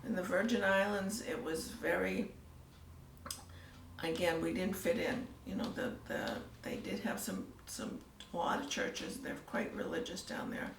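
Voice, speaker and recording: An older woman telling her story in a casual interview, soft-spoken and trailing off into near-whispers. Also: lowish voice, a little slow, vocal fry, slight background noise. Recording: echoey room, mic at a distance, faint ambience.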